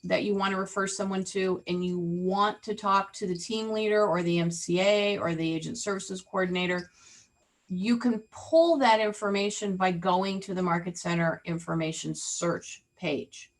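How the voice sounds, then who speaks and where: Her medium-pitched voice holds a steady tone at a moderate pace, captured on a rough recording. She's teaching real estate online in an interactive, chatty way, teasing the video call group and asking them questions often.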